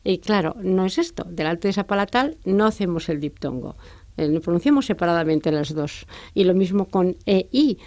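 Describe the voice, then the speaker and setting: A woman teaches, patient and didactic, drawing out each example word slowly so it can be copied. Her voice is mellow and soft. The sound is close and dry, as in a quiet studio. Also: on the low side, expressive, no room sound. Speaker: French teacher. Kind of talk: explaining French pronunciation and grammar in Spanish.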